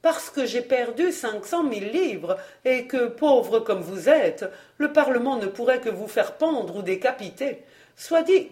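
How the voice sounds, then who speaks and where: A woman's voice: on the high side, darkish tone. A woman voicing a petty, fussy male royal steward who complains in a self-pitying tone. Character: fretful middle-aged male royal steward, petty and greedy.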